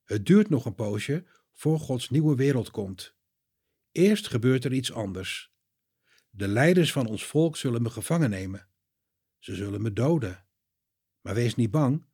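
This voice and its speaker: A man voicing Jesus as a calm, gentle and firm grown man in a children's Bible story reading. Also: mid-range voice, a little slow, long pauses, slightly rough.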